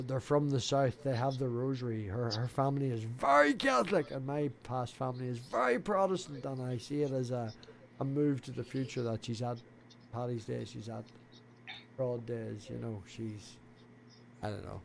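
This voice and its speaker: A man's voice: mid-range voice, normal speed, creaky, slight background noise. A man with an Irish accent hosting a casual late-night chat over a video call. He rambles and swears freely.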